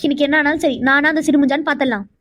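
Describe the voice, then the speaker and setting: A woman voicing a high-voiced heartbroken young wife. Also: steady tone, rapid-fire, a bit bright, no echo, studio quality. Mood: anxious muttering. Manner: frets aloud to herself. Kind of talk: cartoon drama voice acting.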